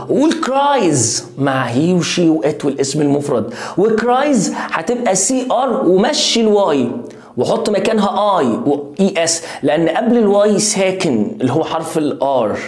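Egyptian man teaching in an echoey room. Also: fairly high pitch. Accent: Egyptian Arabic. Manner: lively and playful, repeats drill words slowly. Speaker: English teacher. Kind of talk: online lesson for young pupils. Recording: roomy echo.

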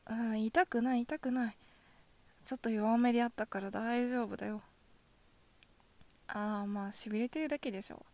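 A woman voicing a possessive yandere girlfriend in a soft ASMR role-play, sweetly coaxing with quiet menace. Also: on the high side, steady tone, normal speed, long pauses, no echo, lightly acted. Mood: gloating, coaxing. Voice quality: soft, often dropping in a soft voice. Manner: yandere: sugary coaxing turning quietly threatening.

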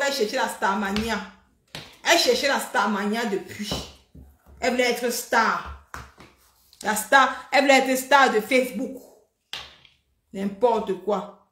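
A woman hosting a live stream, talking in an animated, mocking, repetitive way. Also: fairly high pitch, reverberant. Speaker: livestream host. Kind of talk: heated live-stream rant.

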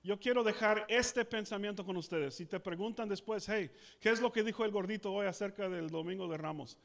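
High-voiced pastor preaching in two languages. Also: male voice, brisk, vocal fry. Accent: South Texas Spanish. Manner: repeats each point in both languages, leads call-and-response. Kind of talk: bilingual sermon, Spanish then English. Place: church.

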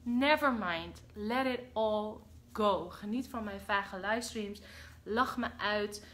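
A Dutch woman hosting a casual spiritual livestream, expressive, with loud outbursts and soft whispers, mixing in English phrases. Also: mid-range voice, slow pace. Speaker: livestream host.

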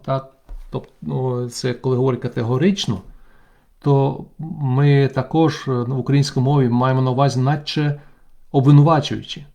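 A man, a bishop, giving a remote Bible lesson. He reads Greek words aloud and explains each one slowly, pausing often. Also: mid-range voice, gravelly, warm tone. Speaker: bishop teaching Bible study.

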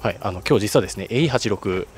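A man's voice: lowish voice, racing. A young man presenting in polite, formal speech as interviewer, recorded outdoors on a handheld mic. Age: young adult. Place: outdoors in a car park.

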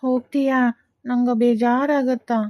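A soft, innocent young boy in a cartoon story, voiced by a woman, with a North Karnataka accent. The voice is a little high and recorded dry. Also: little pitch movement, measured pace, no echo, close to an everyday voice. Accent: North Karnataka Kannada. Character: young schoolboy son, gentle.

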